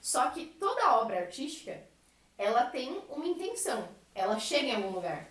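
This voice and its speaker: A young Brazilian woman from a science theatre group talks casually on a podcast, explaining things and leaning on frequent conversational tags. Her voice sits high with big pitch swings at a normal speed, and she sounds distant from the mic in an echoey room.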